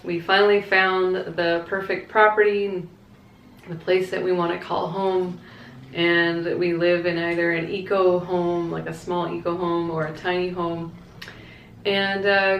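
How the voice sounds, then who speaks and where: A woman with a slightly low voice talks casually, as in a question-and-answer vlog. She is candid and reflective, keeping things conversational. The room around her is clearly echoey. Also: muffled recording, a little hiss or hum. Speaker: vlogger answering viewer questions. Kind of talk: casual chatty Q&A to camera. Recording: echoey, roomy sound.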